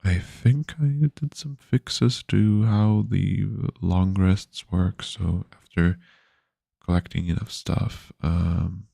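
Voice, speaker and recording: A man with a low, slow voice full of gravel and a husky edge, talking through his game project on a live stream. He sounds yawny and halting, stopping to restart his words. The sound is close and dry, with no room around it. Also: fairly even intonation, warm tone, dry recording. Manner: sleepy, halting, many fillers and restarts. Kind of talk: casual live-stream devlog.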